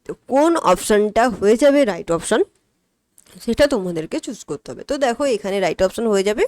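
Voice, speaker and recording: A woman teaching an English exam-prep lesson. She explains each answer step by step, poses questions and answers them herself, and reads the English items slowly. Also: medium pitch, expressive, a little mellow, no echo.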